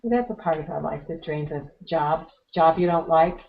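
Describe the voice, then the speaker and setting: A woman with a hoarse, fading voice, speaking as an interview guest and giving earnest, motivational advice about meditation. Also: deep voice, moderate pace, phone-quality sound. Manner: earnest, motivational, frequent throat-clearing. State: hoarse, losing her voice.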